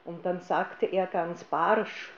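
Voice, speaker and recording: A woman with an Austrian German accent gives a personal faith testimony to an audience, telling her story in a lively way and acting out what she once said. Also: fairly low pitch, slow, echoey room, muffled recording, slight background noise. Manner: lively storyteller who acts out her own past lines. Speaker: speaker giving a testimony.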